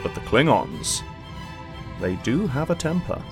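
A man playing a steady, wry starship captain in a sci-fi audio drama. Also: medium pitch, a little slow. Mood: wry, commanding. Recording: music under the voice.

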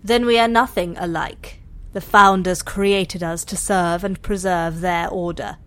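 A woman voicing a cool, politely menacing alien interrogator in a sci-fi audio drama, measured and condescending. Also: lowish voice, fairly even intonation, fairly bright tone, smooth. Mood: coolly curious.

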